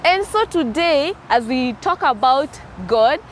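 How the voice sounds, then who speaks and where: Very high-pitched woman, slow children's presenter. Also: expressive, rough recording. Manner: simple phrases and questions to children. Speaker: Sunday school host. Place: outdoors among greenery. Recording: outdoor recording with faint noise.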